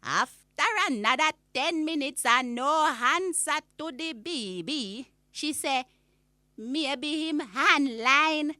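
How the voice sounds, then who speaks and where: Woman playing a slow, indignant old Jamaican granny. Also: high voice, sharp tone, dry recording, clean studio sound, full character voice. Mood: exasperated, indignant. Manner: indignant, drawn-out emphatic storytelling. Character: exasperated old Jamaican granny telling a rant. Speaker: storyteller. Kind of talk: comic monologue rant.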